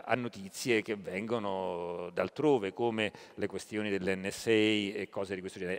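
Halting man in a reverberant hall. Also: on the low side. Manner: halting, with many "eh" fillers. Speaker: journalist speaking on a panel. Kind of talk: public panel talk. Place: hall at a live public event. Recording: long reverb of a conference hall.

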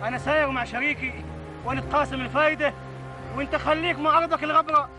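A brash young man talks fast and insolently. His voice sits very high. Music plays beneath the dialogue. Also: fairly even intonation. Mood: defiant. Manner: boastful, insolent. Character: defiant young man Hamoud, arrogant toward his family. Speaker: actor. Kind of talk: TV drama acting. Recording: drama audio with music underneath.

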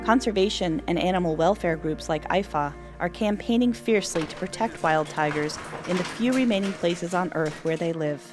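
Female nature documentary narrator, lower register, measured scripted read set over clear background music.

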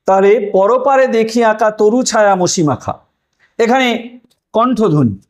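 A man's voice: high voice, expressive. A man teaching a lesson, explaining step by step, repeating key points and putting questions to the listeners. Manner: slows down to recite examples. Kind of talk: explanatory lecture.

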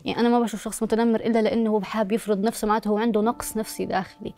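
A young woman speaks Levantine Arabic in a dark, mellow voice of medium pitch. She races along as she gives advice in an interview. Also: steady tone, rapid-fire. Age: young adult. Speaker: guest. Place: TV studio. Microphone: lapel.

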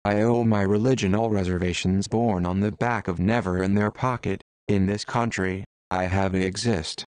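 A man reads a story aloud in a low voice, flat and a little halting. The recording is dry and close, with no room sound. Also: clear, resonant tone, no room sound. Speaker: reader.

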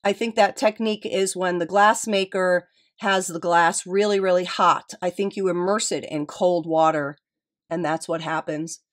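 A woman's voice: on the low side, steady tone, normal speed. Slightly stuffy-nosed middle-aged woman chatting. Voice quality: slightly stuffy, nasal from a cold. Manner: chatty and appreciative, musing aloud. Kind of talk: casual chatty show-and-tell narration.

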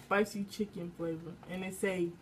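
A woman's voice: on the low side, fairly even intonation, normal speed. A young woman chatting casually in an offhand, slangy way during an eating challenge at home. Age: young adult. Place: living room at home. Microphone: device at arm's length. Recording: clearly noisy home recording.

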